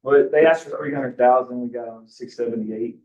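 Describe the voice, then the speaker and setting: Male lawyer, halting storyteller, distant dull roomy recording. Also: medium pitch, darkish tone. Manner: rambling, halting with fillers. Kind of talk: casual storytelling.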